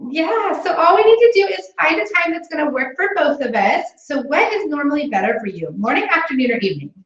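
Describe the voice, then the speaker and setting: A woman acting out an upbeat sales phone call, using a much higher, bubbly, eager voice. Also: big pitch swings, fast, far from the mic. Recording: echoey room, slightly dull sound.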